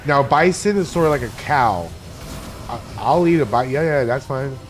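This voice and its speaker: This Miami streamer sounds animated, with a medium-pitched voice and moderate pace, as he rambles profanely through casual chat while gaming. Game music plays alongside a little hiss or hum.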